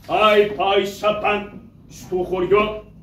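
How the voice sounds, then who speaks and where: A man doing a gruff old shepherd uncle. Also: sits high, little pitch movement, a bit bright, a little hiss or hum. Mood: grumbling. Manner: grumbling, blustering. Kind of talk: live shadow puppet theatre. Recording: echoey distant stage mic, faint ambience.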